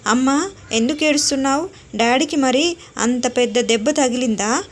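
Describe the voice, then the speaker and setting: Brief: woman reading as a small innocent boy, eager, pitched high. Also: normal speed. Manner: innocent, pleading.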